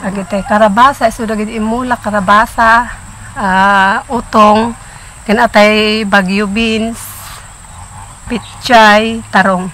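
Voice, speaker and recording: A middle-aged Filipino farm woman talks plainly and steadily in an outdoor interview. Her pitch barely moves. Faint outdoor noise sits under her voice. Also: steady tone, slow pace, fairly bright tone. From Philippines. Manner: plain, listing crops steadily. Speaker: farmer. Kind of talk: documentary interview. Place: outdoors by a rural pond.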